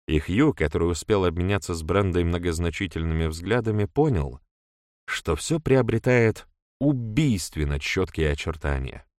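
A man narrating an audiobook in an even, measured reading. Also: sits low, dry recording, studio quality. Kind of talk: scripted narration.

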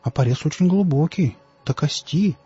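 A man's voice: a little high, lively intonation, normal speed, mellow, slightly rough, voice pushed up. A man reading an audiobook voices a worried, insistent young woman who fusses over an injured friend. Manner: anxious, insistent. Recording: dull lo-fi audiobook, faint music.

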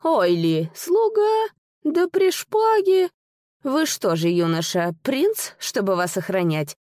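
Old male sorcerer voiced by a woman, sly, greedy, mocking, low, dry audiobook sound. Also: sing-song, a little slow, a little mellow, no room sound. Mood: gloating. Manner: sneering, taunting.

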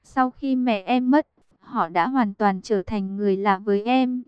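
A woman's voice: medium pitch, measured pace, clean tone, no room sound, dull audio, natural voice. A woman reading an audiobook and voicing a cool, blunt young man with a curt, mocking way of talking.

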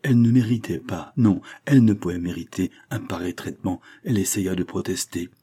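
A man reads a classic novel aloud in a measured, dramatic way. His voice is very low and husky, with a dark, mellow tone. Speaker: audiobook narrator. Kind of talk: scripted narration of a novel.

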